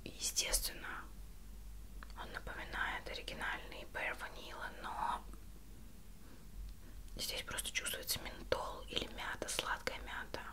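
Whispering young woman, soft ASMR chatter. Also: measured pace, long pauses. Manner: rambling, self-ironic, searching for words. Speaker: ASMR beauty vlogger. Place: small bedroom at home, indoors.

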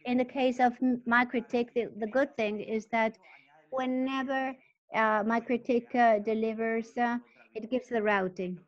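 A woman giving a technical presentation in a halting, stop-start way, interpreting for the speaker. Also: on the high side, steady tone. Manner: halting, stop-start delivery while explaining. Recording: dull lo-fi webinar audio.

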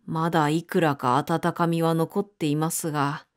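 A woman's voice: deep voice, level tone, normal speed, natural voice. A woman reading the lines of a solemn male doctor in a storybook. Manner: grave, solemn.

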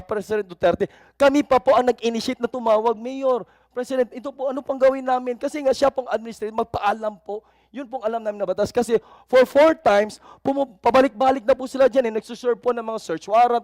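A man's voice: high-pitched, a little mellow, no echo. A middle-aged man, a church minister, gives impassioned, pleading and very polite testimony at a formal hearing.

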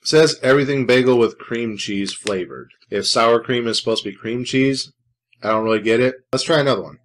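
A man's voice: mid-range voice, brisk. A man hosting his own snack review vlog, talking casually with dry sarcasm and rambling asides. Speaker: food reviewer host.

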